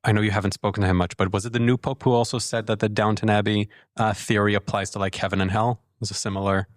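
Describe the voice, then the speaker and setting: A man's voice: fairly low pitch, level tone, quick pace, no echo, clean studio sound. A man co-hosting a comedy morning show, trading wry, pedantic quips. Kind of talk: improvised comedy banter.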